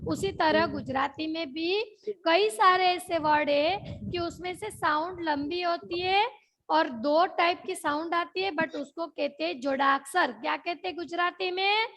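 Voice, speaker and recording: Teaching children online, a young woman with a Gujarati accent talks in a very high-pitched, slightly bright voice without hurrying. She slips English words into her speech and asks questions more than once to check they keep up.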